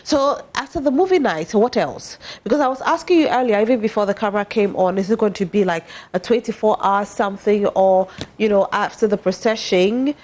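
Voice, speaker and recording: A woman's voice: mid-range voice, a little fast, few pauses, a little mellow. A woman from Ghana, interviewing guests at an event.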